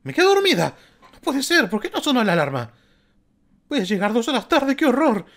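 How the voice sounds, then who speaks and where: Un hombre que pone la voz de una colegiala adolescente, atolondrada y fácil de alarmar, con exclamaciones agudas y chillonas. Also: male voice, huge pitch swings, a little fast, fairly bright tone, full character voice. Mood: panicked. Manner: shrill exclamations. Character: flustered teenage schoolgirl, earnest and easily alarmed.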